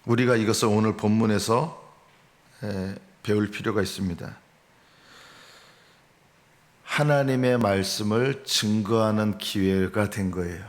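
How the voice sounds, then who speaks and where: A man's voice: fairly low pitch, a little slow, long pauses. A male pastor preaching an early-morning sermon in a church sanctuary, earnest and building in emphasis, sometimes acting out the voices of mockers and angry replies.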